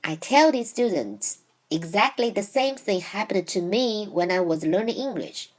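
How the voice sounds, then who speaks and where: Teaching Mandarin from a script, this native Chinese speaker uses a mid-range voice with lively intonation. She speaks in a measured, clearly enunciated way, slowing down whenever she gives example sentences.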